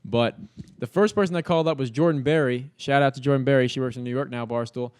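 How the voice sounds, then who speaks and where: Fast-talking young man telling a story. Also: medium pitch, clear, resonant tone. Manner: slangy and animated, heavy filler words and swearing. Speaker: guest. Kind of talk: casual storytelling.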